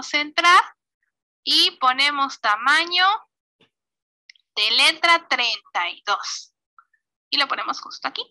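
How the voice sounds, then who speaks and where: A woman's voice: high voice, bright, forceful tone. A woman with a Mexican Spanish accent teaching an online computer class, walking through each step patiently and checking in often. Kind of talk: online class screen demonstration.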